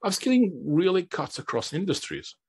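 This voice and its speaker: A man's voice: high-pitched, sing-song, moderate pace, slightly rough. A middle-aged man from Romania, giving a conference presentation and often restarting his phrases. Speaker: conference speaker.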